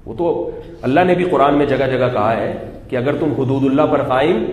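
A man giving a conversational religious lecture, animated, putting rhetorical questions to his audience and joking now and then. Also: mid-range voice, muffled recording. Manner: humorous asides that draw laughter. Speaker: Islamic scholar giving a weekly talk. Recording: echoey hall with faint background noise.

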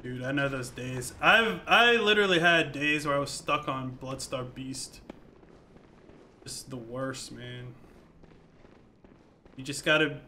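A man's voice: medium pitch, slow, long pauses, sharp tone, a little hiss or hum. A man giving laid-back, chatty commentary while streaming a game, chuckling often. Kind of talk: casual gameplay commentary.

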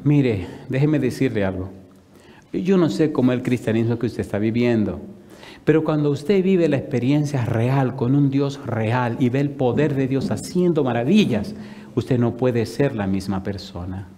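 A male pastor telling a testimony in a sermon, an animated storyteller firing off punchy rhetorical questions. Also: medium pitch, normal speed. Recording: long reverb of a large hall.

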